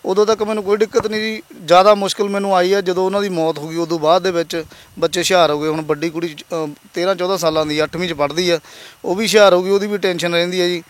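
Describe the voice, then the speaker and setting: Fast, earnest high-voiced man. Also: fairly even intonation, no echo. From Punjab. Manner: earnest, polite, emotional. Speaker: interviewee, laborer and father. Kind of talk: emotional interview testimony.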